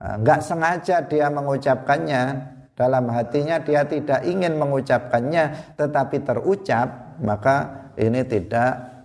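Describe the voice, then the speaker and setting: Gravelly-voiced man teaching religion. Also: mid-range voice, a little slow, a little mellow. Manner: explains step by step with examples and rhetorical questions. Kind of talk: Islamic study lesson.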